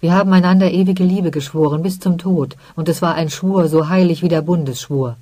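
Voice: mid-range voice, fairly even intonation, fairly quick, no room sound, close to an everyday voice. Vorleser als verzweifelte junge Kaufmannstochter. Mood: tearful defiant. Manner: pleading, tearful, then shouting. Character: young woman, merchant's daughter, heartbroken and defiant.

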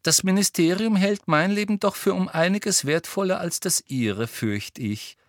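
A man voicing a sugary, menacing middle-aged woman official in an audiobook, sweetly condescending and slow. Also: sits high, no echo, studio quality, pitched above the performer's own voice, natural voice. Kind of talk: audiobook character voice.

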